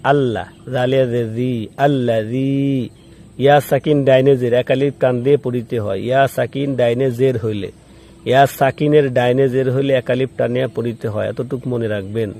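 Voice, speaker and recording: A man teaches Quran recitation one step at a time, naming each letter and vowel mark before slowly chanting the word and patiently going over the rules again. His mid-range voice is mellow with some vocal fry, and there's a faint hiss or hum in the background.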